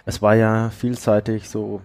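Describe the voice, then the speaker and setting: Lowish guy voice, co-host chatting casually on a podcast. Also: monotone, unhurried, darkish tone.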